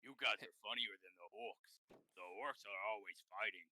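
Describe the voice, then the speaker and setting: A giant, good-natured ogre, put on by a man running a tabletop game. He talks slowly and simply, like an affable child. The voice is strikingly bright and sits close to the mic in a dry space. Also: on the low side, no room sound, pitched below the performer's own voice, rough recording. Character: huge friendly simple-minded male ogre.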